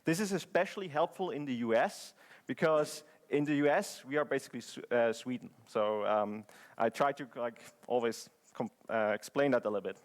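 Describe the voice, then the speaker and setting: A Swiss man speaks English at a normal pace and medium pitch while giving a conference presentation in a hall. He's chatty and jokey, full of fillers and restarts.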